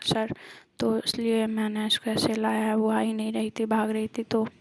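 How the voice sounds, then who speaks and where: A woman quoting a cool, secretive young woman in her own husky storytelling voice. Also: a little high, completely flat delivery, moderate pace, dry recording, rough recording. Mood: calm.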